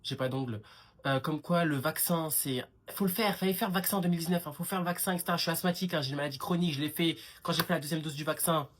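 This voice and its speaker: A young man doing comic sketches and ranting in an animated, sarcastic way. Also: a little high, quick pace, slight background noise. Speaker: comedy creator.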